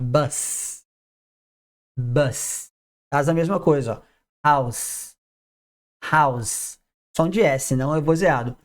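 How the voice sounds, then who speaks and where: A man teaching English pronunciation, reading out word lists one by one with short explanations in between. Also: fairly high pitch. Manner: slow, drawn-out word drills with explanations. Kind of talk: didactic pronunciation lesson.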